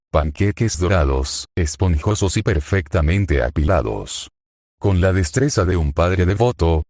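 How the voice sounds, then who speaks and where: A synthetic male voice narrating a fan-fiction story in an even reading, speaker tags and notes read aloud. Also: low-pitched, no echo, clean studio sound.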